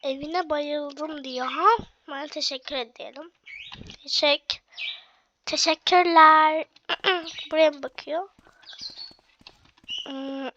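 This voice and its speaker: A woman's voice: high voice, fairly even intonation, slow pace, long pauses, pushed and bright, muffled recording, slight background noise. A young woman hosting her own game video, chatting to viewers in a casual way while sick with a cough. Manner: chatty, addresses viewers directly. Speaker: gaming channel host.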